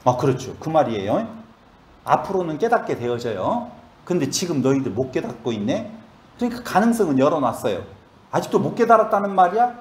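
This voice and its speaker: A man's voice: mid-range voice, big pitch swings, a little fast, a little mellow, roomy sound. A male pastor leading a Bible study sermon, asking the congregation questions as he explains the passage. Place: church.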